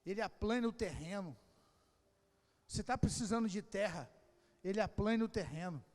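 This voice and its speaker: A man pastor preaching an impassioned sermon with a Rio de Janeiro accent, swinging between shouted calls and quiet asides. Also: high-pitched, normal speed. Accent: Rio de Janeiro Portuguese. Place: church hall. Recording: long church hall reverb.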